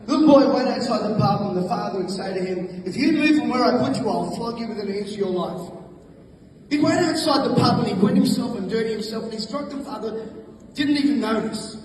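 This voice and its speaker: A middle-aged Australian man giving a fiery, fast rally speech with stammering restarts. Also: extremely high pitch, slight background noise. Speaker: rally speaker. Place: large hall, heard from afar. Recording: echoey hall from far off.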